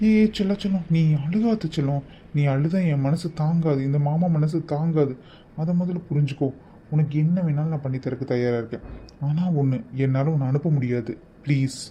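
A man's voice: a little high, brisk, muffled recording, a little hiss or hum, close to an everyday voice. A man playing John, a possessive kidnapper. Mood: pleading. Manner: wheedling and possessive, scolding. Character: obsessive male kidnapper pressing a married woman to wed him. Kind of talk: animated cartoon voice acting.

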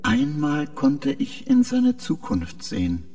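A man playing a confused, haunted artificial spaceship mind in a science fiction audio drama, speaking haltingly in short hesitant answers. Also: very high voice, wildly swooping pitch, creaky, a little mellow, exaggerated voice. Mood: dreamy, uneasy. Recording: distant-sounding, with music behind.

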